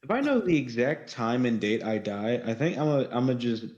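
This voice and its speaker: A man's voice: mid-range voice, sing-song, a little fast, a little mellow. Teasing male co-host on a dull mic. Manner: joking, teasing trash talk. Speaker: podcast co-host. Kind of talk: casual sports chat.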